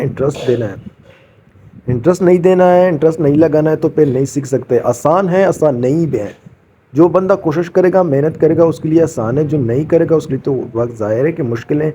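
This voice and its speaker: A man's voice: fairly high pitch, mellow, a little hiss or hum. A man teaching a casual beginners' language lesson, patiently repeating each sound and encouraging his students.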